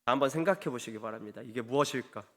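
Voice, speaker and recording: A man preaching a Wednesday evening sermon as pastor, chatty and animated, quizzing his congregation and acting out quoted lines. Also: medium pitch, quick pace. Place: church sanctuary. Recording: long church hall reverb.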